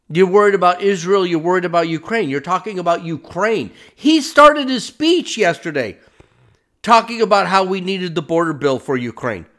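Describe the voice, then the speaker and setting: A man's voice: a little high, a bit bright. A man hosting a political commentary podcast, talking in an emphatic, indignant way and often repeating himself. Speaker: podcast host.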